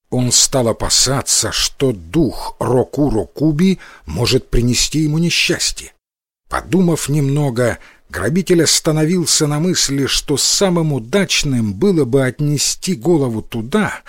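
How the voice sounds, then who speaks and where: A man narrating a folk tale in a scripted, expressive storytelling manner. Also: medium pitch, no room sound, studio quality.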